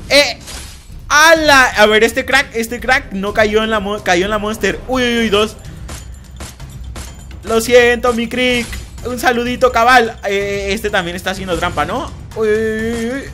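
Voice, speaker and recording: A young man hosting a multiplayer minigame, commentating with excited energy, shouting and laughing at the action. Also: sits high, moderate pace, hardly any pauses, faint music behind. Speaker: gaming youtuber hosting a minigame.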